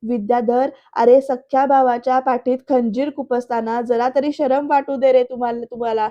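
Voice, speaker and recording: A woman's voice: a little high, steady tone, moderate pace, highs cut off, close to an everyday voice. A woman voicing a reproachful older patriarch from a serial. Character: older patriarch scolding his son.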